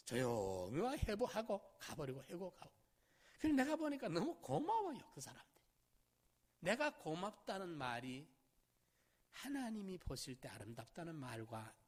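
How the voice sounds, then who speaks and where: Brief: middle-aged man preaching a sermon, slightly high voice, big swings from loud to hushed. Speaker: pastor.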